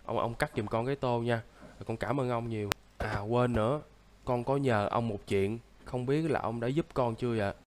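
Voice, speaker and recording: A man's voice: mid-range voice, normal speed, noisy background, lightly acted. A man voicing a sick young man who acts as a stern, lecturing big brother, coughing now and then, in casual game role-play. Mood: weak.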